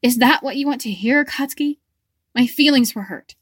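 A woman's voice: high-pitched, moderate pace, no echo, studio quality, pitched above the performer's own voice. A woman voicing a fiery, protective young woman hero who scolds with indignation, in an audiobook fan fiction reading.

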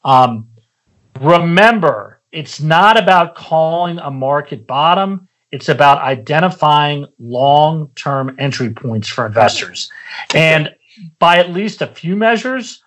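Male analyst guest, somewhat higher pitch, measured explanatory interview delivery with hesitations. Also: lively intonation, a bit bright, low-quality recording. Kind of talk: podcast interview commentary.

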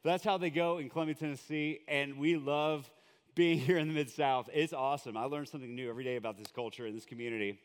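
A man's voice: medium pitch, fairly even intonation, fast, clear, resonant tone, long reverb tail. A man from Colombia preaching as a guest in a church, in a chatty, joking way with lots of fillers. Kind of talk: conversational sermon. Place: church sanctuary.

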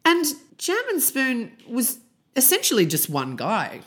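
A woman's voice: fairly high pitch, wildly swooping pitch, unhurried, fairly bright tone. An Australian woman co-hosting a casual music podcast, chatty and well-spoken. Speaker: podcast co-host. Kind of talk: casual chat about 80s and 90s music.

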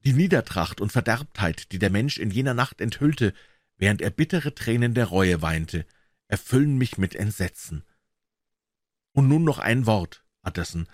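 A man reading a classic story aloud as audiobook narration, in a dramatic, expressive way. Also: fairly low pitch, normal speed, no room sound. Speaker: audiobook reader.

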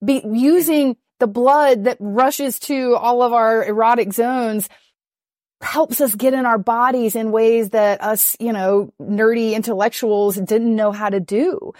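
A woman relationship coach talking in a podcast interview, animated and quick to laugh, swearing casually. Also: fairly high pitch, no room sound, clean studio sound.

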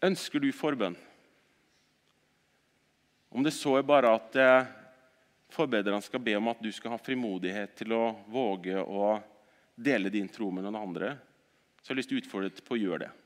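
A man preaching a sermon at a church service, swinging between loud exhortation and quiet earnest talk, often repeating words as he restarts sentences. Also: on the low side, pauses often, long reverb tail.

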